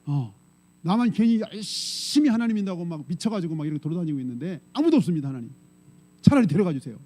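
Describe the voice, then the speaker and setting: A man's voice: high-pitched, big pitch swings, quick pace, mellow. A male pastor preaching a conversational sermon to his congregation, often putting questions to them and answering himself. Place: church sanctuary.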